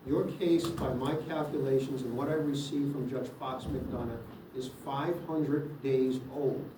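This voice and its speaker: A man serving as judge speaks in a brisk, firm, procedural way. He is picked up from far off in a roomy, echoey courtroom. Steady background noise runs under him. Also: medium pitch.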